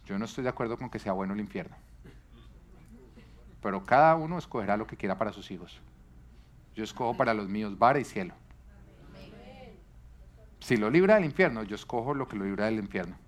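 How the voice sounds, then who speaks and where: A man's voice: fairly low pitch, expressive, fairly quick, long pauses. A man preaching a sermon to a live congregation, teaching earnestly and asking the listeners rhetorical questions. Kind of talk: sermon on parenting.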